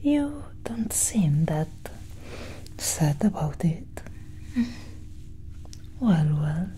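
A steady, low hum like an engine sits beneath a young woman's breathy, close-mic whisper. She plays a female alien scientist, calm and clinical, examining a human, and she speaks in a slow, measured hush.

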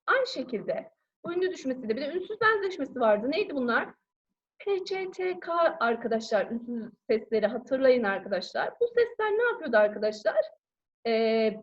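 Lively woman teacher, dull recording. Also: on the high side. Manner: explains patiently, often asks and answers her own questions; keeps calling out to her pupils. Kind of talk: online grammar lesson for schoolchildren.

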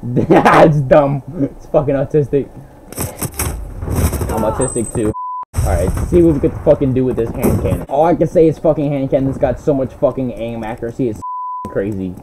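A young man commentating his own online shooter match, with profane, hot-tempered trash talk and bursts of yelling. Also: mid-range voice, moderate pace. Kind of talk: live gameplay commentary. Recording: gameplay audio noise under the voice. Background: game sounds, gunfire and vehicles.

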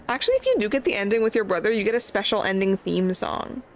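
A woman chatting through a dating game in casual let's-play commentary, excitable and crude, with playful swearing. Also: medium pitch, fast, slight background noise. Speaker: streamer playing a dating game. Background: game music.

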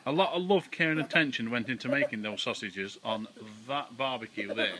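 A man's voice: medium pitch, fairly quick, sharp tone. A man filming his children at home by a garden barbecue, teasing them and mock-scolding their messy eating. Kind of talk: home video banter. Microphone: handheld camera. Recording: noisy home camera recording.

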